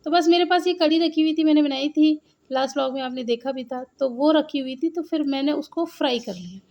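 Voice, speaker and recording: A woman's voice: sits high, fairly quick, highs cut off. A middle-aged woman from India chatting casually and animatedly to her viewers in a home vlog. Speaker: vlogger. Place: at home, indoors.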